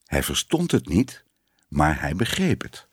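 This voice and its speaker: A man's voice: very deep voice, huge pitch swings, measured pace, a little hiss or hum. A man narrating a children's storybook expressively. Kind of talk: storybook reading.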